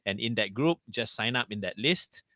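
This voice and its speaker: A man's voice: medium pitch, animated, normal speed, sharp tone, no room sound, clean studio sound. A Singaporean man co-hosting a casual live stream, talking in colloquial Singlish with particles at the ends of sentences. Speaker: co-host of a horror live stream.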